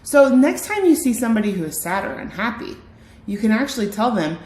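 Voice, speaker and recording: A woman teacher with a fairly high, darkish voice reads a picture book aloud to children at a brisk, sing-song pace. She explains vocabulary and frequently puts questions straight to her young listeners in this read-aloud lesson.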